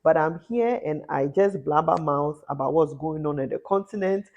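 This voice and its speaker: A Ghanaian fashion designer speaks in a talking-head commentary vlog, impassioned and often spilling into a rant, her pitch climbing when she's indignant. She talks at a moderate pace with a slightly mellow voice, and the high frequencies are cut off.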